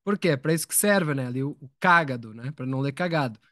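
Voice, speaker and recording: A man's voice: mid-range voice, lively intonation, quick pace, bright, forceful tone, no room sound, studio quality. A man teaching English in a live online lesson, explaining patiently, repeating words and asking his students questions.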